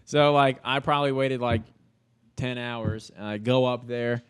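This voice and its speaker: With a smooth, mid-range voice and a slightly slow pace, a young podcast guest tells a story. He's slangy and animated, piling on fillers and swear words.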